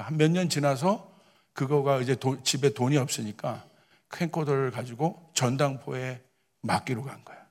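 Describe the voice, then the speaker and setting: A middle-aged male pastor preaching a sermon, telling personal stories and moving from hushed asides to shouted proclamation. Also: a little high, big-room sound.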